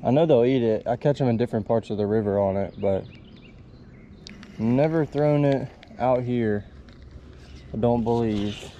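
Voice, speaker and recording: Young male fishing vlogger, mellow voice, loose running commentary from a kayak, faint creek noise behind. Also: medium pitch, moderate pace, pauses often, dull audio. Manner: chatty, talks to the fish, mild exclamations. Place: small kayak on a wooded creek outdoors. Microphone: chest-mounted action camera.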